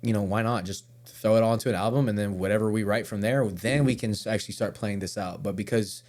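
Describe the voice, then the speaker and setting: Male metal vocalist guest, lowish voice, rambling casual delivery. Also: fairly even intonation, fast talker, darkish tone. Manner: loose, rambling, restarts mid-sentence. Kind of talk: casual interview chat.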